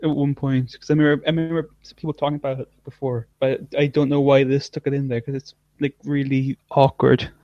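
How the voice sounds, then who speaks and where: A man's voice: mid-range voice, flat delivery, fairly quick, hardly any pauses, warm tone, dry recording. Chatty man with a dull, dry recording. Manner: rambling, stumbling restarts, laughs often. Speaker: podcast host. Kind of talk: casual podcast chat.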